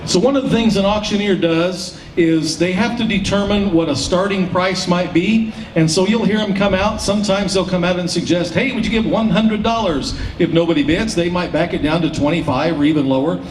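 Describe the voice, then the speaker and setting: Here an event emcee and auctioneer talks to a crowd in a folksy, explanatory way, his high voice holding a steady tone at a slightly fast pace with few pauses. The sound is distant and roomy, like a PA system, with faint noise.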